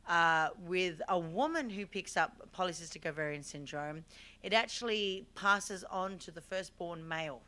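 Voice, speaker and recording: A woman hosting a live call-in talk show, talking in a loose, animated way and often repeating herself. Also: lowish voice, normal speed. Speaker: show host. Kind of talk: casual live call-in chat.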